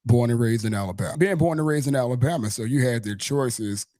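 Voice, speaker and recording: A Mississippi man with a Southern US accent hosts a casual sports interview podcast, talking fast in a mellow, medium-pitched voice. The studio-quality recording has no echo. He is wordy and tends to circle back over phrases.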